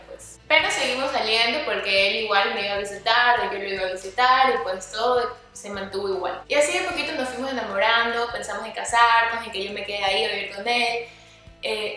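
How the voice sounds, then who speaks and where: A young woman from Ecuador telling a casual storytime vlog, lively, sometimes acting out quoted dialogue. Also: fairly high pitch, far from the mic. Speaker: vlogger. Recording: echoey room, voice a bit off-mic, faint music.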